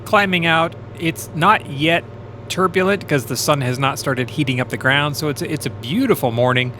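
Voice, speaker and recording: A man, a private pilot, explains his flight in a relaxed, casual voice-over. His voice is bright and forward. A faint noise sits behind it. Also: fairly high pitch, normal speed. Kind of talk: casual vlog voice-over narration.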